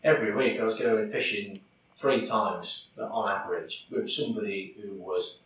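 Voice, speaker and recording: A man's voice: fairly low pitch, steady tone, normal speed, a bit bright. Man, casual podcast chat, distant and roomy sound. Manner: chatty, full of fillers. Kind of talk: casual chat about angling. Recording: echoey, far from the mic, faint background noise.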